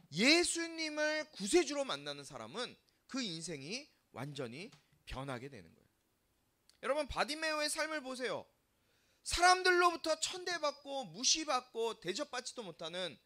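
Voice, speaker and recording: A man's voice: very high voice, bright, forceful tone. A male pastor preaching a sermon, telling the story and putting rhetorical questions to the congregation. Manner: dramatizes quoted voices.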